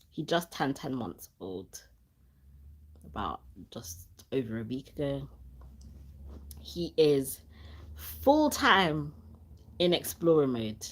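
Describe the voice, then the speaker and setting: Low-voiced woman chatting slowly on a livestream. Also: breathy edge. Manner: chatty, reads viewer comments aloud, laughs often. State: sore throat, cough sweet in mouth. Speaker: channel host. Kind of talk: casual livestream chat.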